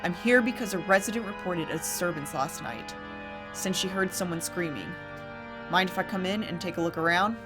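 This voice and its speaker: A woman's voice: on the low side, fairly quick, natural voice. A woman voicing a blunt, easygoing male police officer in a horror story, questioning frankly and casually, with music behind. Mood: official, probing. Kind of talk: horror story character dialogue.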